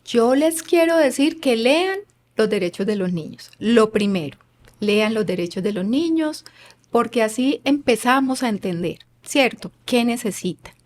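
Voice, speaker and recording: A woman's voice: fairly high pitch, lively intonation, unhurried, darkish tone. A woman, a guest expert on child rearing, explaining in an earnest, didactic way. She acts out parents and children, and she often checks in with rhetorical questions. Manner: asks listeners rhetorical questions. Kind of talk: explanatory interview talk.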